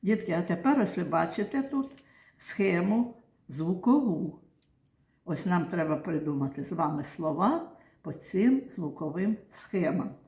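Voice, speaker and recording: A woman's voice: fairly low pitch, animated, measured pace, dark tone, echoey room. A woman kindergarten teacher leading young children through a lesson, patiently asking questions, praising answers and spelling out sounds and syllables.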